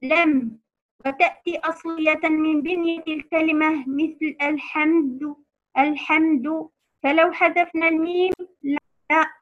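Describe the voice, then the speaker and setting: A woman teaching a lesson on recitation rules to other women, patiently repeating key terms slowly. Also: high voice, steady tone, lo-fi sound.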